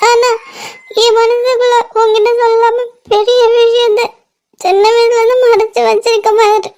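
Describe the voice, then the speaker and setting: A woman voicing a tearful young woman in a cartoon, who speaks haltingly and keeps repeating her friend's name. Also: very high-pitched, little pitch movement, dark tone. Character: tearful young woman confessing long-held love.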